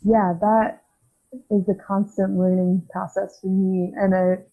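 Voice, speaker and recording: A woman's voice: medium pitch, little pitch movement, measured pace. Young woman guest, frank and reflective, laughs easily; narrow phone-like sound. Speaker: podcast guest, physical therapy student. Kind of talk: casual conversation. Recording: tinny phone-like line.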